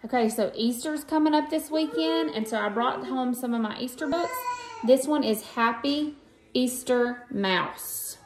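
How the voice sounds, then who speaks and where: An American woman in her thirties reads a picture book aloud in a small room at home, chatting casually with children and using sing-song emphasis. Her voice is high and a bit slow. The room echoes, with faint background noise.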